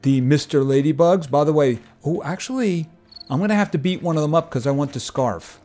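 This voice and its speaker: A man's voice: a little high, brisk, mellow. A man streaming a farming game, chatting casually and making wry asides. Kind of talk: casual gameplay commentary. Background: game music.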